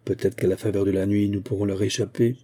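A man's voice: fairly low pitch, little pitch movement, quick pace, mellow, slightly rough. A man voicing an anxious, plain-spoken Breton boat skipper in an audiobook.

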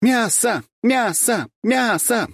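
A man's voice: very high-pitched, animated, slow pace, creaky, a bit bright, dry recording, pitched above the performer's own voice, exaggerated voice. A man voicing a frantic woman fan who screams and chants cheers in a storybook reading. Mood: frenzied.

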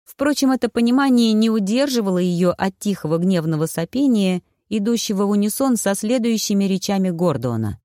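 An audiobook narrator giving a steady, even scripted narration. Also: mid-range voice, a little fast, dry recording, clean studio sound.

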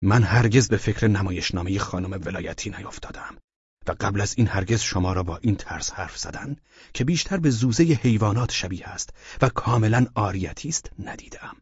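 A man voicing an irritable, impatient gentleman in an audiobook, with sharp, exasperated outbursts. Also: on the low side, husky, no echo, lo-fi sound. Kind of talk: audiobook character reading.

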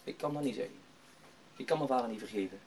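A man's voice: fairly high pitch, brisk, a little hiss or hum, lightly acted. A man acting out a distraught young man in despair, wailing and sobbing with self-pity.

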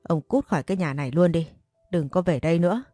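An enraged middle-aged mother who wails and curses in a shrill way, as a woman narrator puts her on. The voice underneath stays mellow and low, and faint music plays behind the audiobook reading. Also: fast talker, no room sound, studio quality, close to an everyday voice. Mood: scolding. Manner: shrill scolding, cursing.

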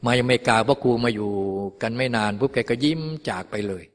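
A middle-aged man gives a Buddhist dharma talk as the teacher. He tells his stories in a lively way, with many rhetorical questions. His voice sits at an ordinary middle pitch for a man. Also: fairly quick. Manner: animated storytelling, rhetorical questions.

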